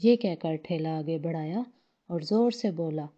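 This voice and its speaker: A woman's voice: low-pitched, unhurried, mellow. A woman narrating a children's bedtime story in a rhythmic, rhyming way, in a slightly dull lo-fi recording.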